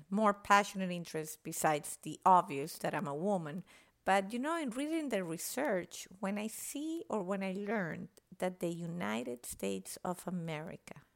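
A woman from Venezuela, speaking passionately and emphatically in a podcast monologue. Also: fairly low pitch. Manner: passionate, emphatic, citing statistics. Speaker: podcast guest.

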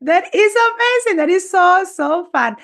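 A woman hosting a podcast interview over a video call, enthusiastic and expressive as she welcomes her guests. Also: extremely high pitch, measured pace, creaky. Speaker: podcast host. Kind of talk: casual interview chat.

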